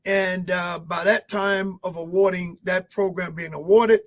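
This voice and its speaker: Man in his sixties, halting. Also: sits high, fairly even intonation. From Albany, Georgia. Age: 60s. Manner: measured, with many fillers. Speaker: mayoral candidate guest. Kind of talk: interview answers.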